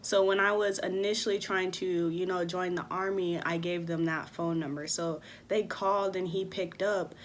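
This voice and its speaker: A woman in her twenties telling a personal story on her own channel, casual and lively, acting out the people she quotes. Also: lowish voice, normal speed, few pauses, slight background noise. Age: 20s. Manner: animated, acts out quoted people. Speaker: vlogger. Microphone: phone camera.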